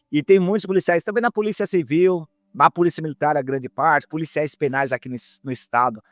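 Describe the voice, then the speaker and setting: A man's voice: mid-range voice, no room sound, studio quality. A man interviewing a guest in casual conversation, often hesitating and restarting.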